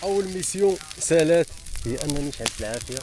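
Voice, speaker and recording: Fast, casual young Moroccan man vlogging. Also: on the high side, animated, music in the background. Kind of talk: casual chat to camera. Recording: clearly noisy outdoor recording.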